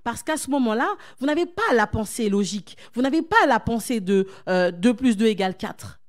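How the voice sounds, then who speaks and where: A woman's voice: fairly high pitch, animated, moderate pace. A woman speaking as a coach at a church conference, urging her listeners on with repeated phrases and questions to the audience. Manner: exhortative, repetitive emphasis.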